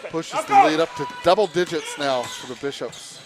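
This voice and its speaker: A man doing live play-by-play commentary on a basketball game. He calls the action briskly and rises into shouts on the big plays. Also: on the high side, very animated, over loud music. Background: basketball game noise.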